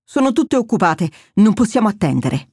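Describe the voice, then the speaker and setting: A woman's voice: medium pitch, sing-song, moderate pace, warm tone, slightly rough, dry recording, studio quality. Catherine, a woman reading a curt commanding surgeon. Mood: urgent. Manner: curt, decisive orders. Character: commanding female trauma surgeon under pressure.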